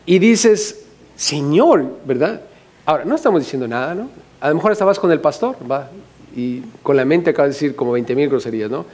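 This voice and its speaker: A man from Mexico with a Mexican accent, a pastor preaching a humorous, animated sermon full of questions to the congregation. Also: fairly high pitch, fast talker. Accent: Mexican Spanish.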